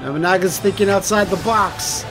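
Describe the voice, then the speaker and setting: A man giving casual, excitable and jokey gameplay commentary, swearing freely. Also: high voice, moderate pace. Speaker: host of a video game playthrough. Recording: voice over game music. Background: game soundtrack music.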